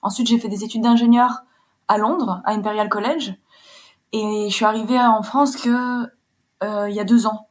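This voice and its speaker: A woman's voice: medium pitch, fairly even intonation, moderate pace. A woman in her twenties from Poland, a sailor being interviewed, telling her story fluently and explaining things in detail. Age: 20s. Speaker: sailor guest. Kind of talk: casual interview chat.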